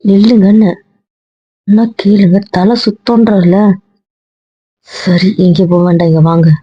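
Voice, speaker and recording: A woman's voice: medium pitch, fairly even intonation, a little slow, dark tone, dry recording, dull audio, lightly acted. A woman playing a hurt young wife who answers curtly, then pleads with her husband. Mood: pleading. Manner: curt, pleading.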